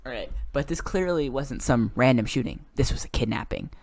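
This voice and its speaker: A man's voice: medium pitch, animated, fairly quick, a little mellow, no echo. Giggling man reading his own story. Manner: giggly, breaks into laughter while reading. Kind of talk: reading a story aloud with commentary.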